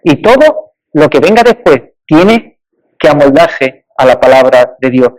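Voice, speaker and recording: High-voiced man preaching emphatically. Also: sing-song, a little slow, rough recording. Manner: emphatic, rising on repeated rhetorical lists. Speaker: pastor. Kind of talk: sermon.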